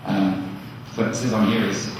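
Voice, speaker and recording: An older man giving a eulogy for his mother, halting with fillers and gently joking. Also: on the low side, level tone, background noise. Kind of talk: memorial eulogy. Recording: echoey hall from far off.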